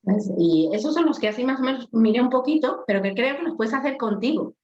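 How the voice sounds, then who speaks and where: A woman's voice: fairly high pitch, fast talker. A woman with a strong voice, chatting animatedly as a coach on a podcast and laughing at herself. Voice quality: strong, forceful voice. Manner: animated, lively, acts out little scenes and laughs at herself. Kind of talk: casual podcast discussion. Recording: echoey, slightly dull sound.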